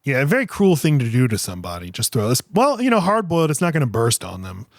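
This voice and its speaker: A man's voice: medium pitch, huge pitch swings, fast, dry recording, clean studio sound. Rambling man co-hosting a film podcast. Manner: rambling, self-interrupting, quotes scenes in silly voices. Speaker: podcast co-host. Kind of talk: casual film review chat.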